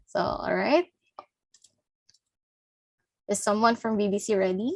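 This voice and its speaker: A woman's voice: medium pitch, a little slow, creaky, no echo. A woman acting as MC of an online panel discussion, cheerful and laughing lightly between lines. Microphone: video call.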